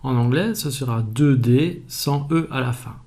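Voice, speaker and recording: A man calmly explaining spelling in a video lesson, methodical and even. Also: medium pitch, unhurried. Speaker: French language teacher.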